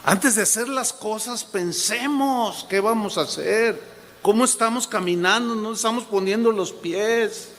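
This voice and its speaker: A man's voice: high voice, a little slow, fairly bright tone. A man preaching a sermon as a pastor, speaking emphatically, repeating key words and addressing the congregation directly. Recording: long hall reverb.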